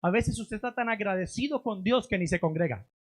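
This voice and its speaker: Husky high-voiced pastor preaching. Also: male voice. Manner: emphatic preaching, swinging between loud raised lines and low drawn-out endings. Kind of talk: sermon. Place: church sanctuary.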